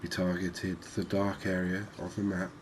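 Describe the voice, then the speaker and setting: A man with a low-pitched, flat voice hosts a gaming video, talking through the game in an unhurried, conversational way. His musing commentary has an easy ASMR feel, and clear background ambience is audible behind him.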